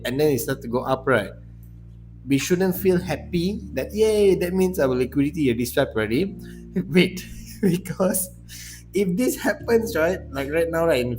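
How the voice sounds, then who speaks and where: Casual male streamer, mid-pitched, chatty and loose, slightly out of breath, guitar music behind. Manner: chatty, loose, uses "lah" and "ah" particles. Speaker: trading livestream host. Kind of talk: casual livestream commentary.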